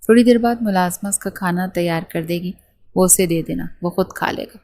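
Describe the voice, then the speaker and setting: A woman's voice: on the low side, mellow, lightly acted. A woman voicing a firm middle-aged mother-in-law giving instructions to her son's wife. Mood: stern.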